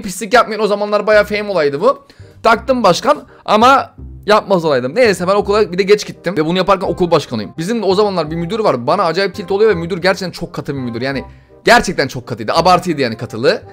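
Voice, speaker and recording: A young man telling embarrassing stories as a comic monologue, slangy and animated. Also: faint music behind. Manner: animated, slangy, quick comic storytelling with swings in pitch.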